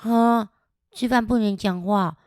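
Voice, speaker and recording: A woman's voice: medium pitch, a little slow, darkish tone, dry recording, studio quality, close to an everyday voice. A woman voicing a chatty, cheeky little monkey in a picture book, exclaiming and coaxing. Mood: puzzled. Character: chatty, cheeky little monkey who loves mealtime talk.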